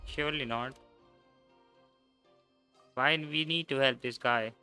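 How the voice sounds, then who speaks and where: A man's voice: medium pitch, takes it slowly, pushed and bright, clear, resonant tone, faint music behind. A young man giving casual, offhand, mocking commentary on a game he is playing. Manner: mocking, offhand, loose grammar. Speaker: streamer.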